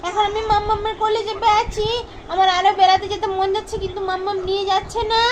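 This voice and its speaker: A woman's voice: very high-pitched, level tone, fast talker, slight background noise. A mom voicing a chatty little baby girl. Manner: soft sing-song baby talk. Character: cheerful baby girl, cuddled on mom's lap, wanting outings.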